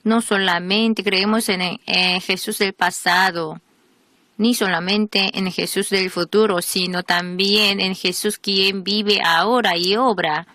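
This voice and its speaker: Bright, dry female sermon voice-over. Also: mid-range voice, fairly even intonation, slow pace, no echo. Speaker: voice-over reader of a translated sermon.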